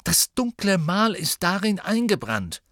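A man reading aloud voices a stubborn, suspicious teenage boy from a storybook. He presses his point urgently and insistently, with a lively, raised voice, recorded dry. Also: on the high side, measured pace, vocal fry, breathy edge, no echo, pitched above the performer's own voice, full character voice.

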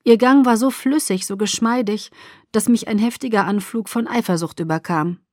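A woman reading a first-person story aloud as an audiobook narrator, with even, measured storytelling. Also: on the high side, dry recording, clean studio sound.

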